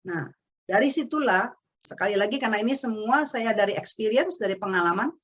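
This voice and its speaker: A woman's voice: mid-range voice, fairly quick, muffled recording. A middle-aged woman with an Indonesian accent, speaking casually and animatedly as a parenting webinar speaker. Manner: chatty, animated storytelling with acted quotes. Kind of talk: casual talk. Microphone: webinar microphone.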